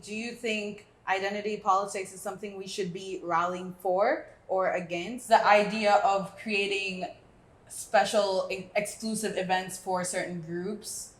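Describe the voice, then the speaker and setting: Young woman host, mid-pitched, poised and prepared, recorded with roomy echo. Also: steady tone, measured pace. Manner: poised, reads prepared questions. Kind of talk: hosting a panel discussion.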